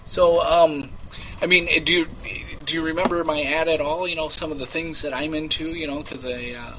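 A man's voice: on the high side, steady tone, moderate pace, background noise, lightly acted. A man playing a creepy, unhinged rich young man who rambles and stammers through filler words in a prank-call comedy bit. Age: 20s.

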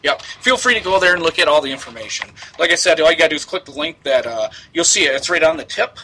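A man's voice: fairly high pitch, lively intonation, quick pace, sharp tone, a little hiss or hum, poor audio. A man improvising casual phone talk as a program organizer, explaining things in a hesitant, repetitive way. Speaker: prank caller posing as a prison program organizer.

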